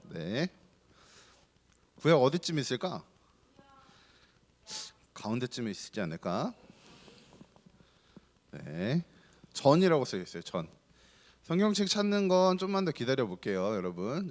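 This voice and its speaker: A man's voice: medium pitch, big pitch swings, unhurried, pauses often. A man preaching as pastor to a group of children, keeping them engaged with questions and playful teasing. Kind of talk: children's sermon.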